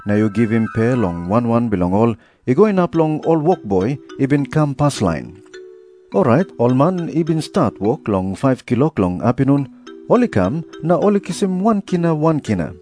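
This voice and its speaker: A man with a Papua New Guinean accent giving an expressive scripted Bible reading. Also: mid-range voice, moderate pace, faint music behind. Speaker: Bible reader voicing Jesus's parable.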